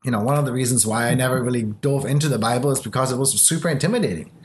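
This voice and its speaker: A man born in Japan and raised in Germany, speaking English as his third language and sharing a halting, earnest testimony in casual conversation. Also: medium pitch, slight background noise. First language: not English.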